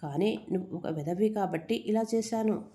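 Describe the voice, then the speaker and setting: A woman's voice: medium pitch, normal speed, warm tone, close to an everyday voice. A woman voicing a defiant young heroine. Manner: defiant, tearful.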